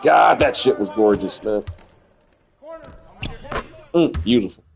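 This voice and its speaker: A man's voice: on the low side, lively intonation, slow, gravelly. Laid-back man rambling over gameplay. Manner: laid-back, rambling, repeats words as he thinks. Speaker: gaming streamer. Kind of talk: casual gameplay commentary.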